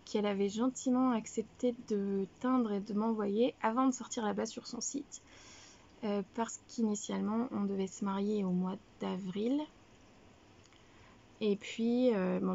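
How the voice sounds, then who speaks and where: Chatty woman with a gravelly edge. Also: medium pitch, a little mellow, muffled recording. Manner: chatty and rambling, many fillers and self-corrections. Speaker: knitting podcast host. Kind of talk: casual video podcast chat. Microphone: camera, showing items to viewers.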